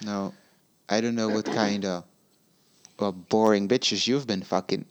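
A young man co-hosting a crude casual podcast chat, teasing his friend in a deadpan way. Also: fairly low pitch, unhurried, smooth. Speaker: podcast co-host.

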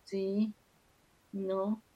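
A woman, a guest and mother, telling family stories in a relaxed chat with many fillers and frequent laughs. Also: mid-range voice, very slow, dull audio. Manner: chatty storyteller, many fillers, laughs often. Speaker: guest entrepreneur. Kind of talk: casual conversation over a call.

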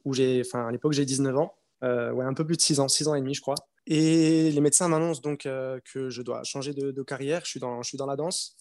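A man's voice: mid-range voice, darkish tone. A man in his twenties, an interview guest, telling his story in a casual, hesitant way with many fillers and restarts. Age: 20s.

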